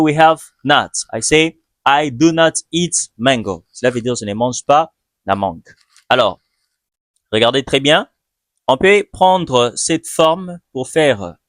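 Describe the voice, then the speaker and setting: A patient male teacher walks through grammar examples, repeating each phrase slowly and clearly. His voice sits at an ordinary middle pitch. The sound is dry and close, with no room echo. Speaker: English teacher. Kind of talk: video lesson, slow explanation.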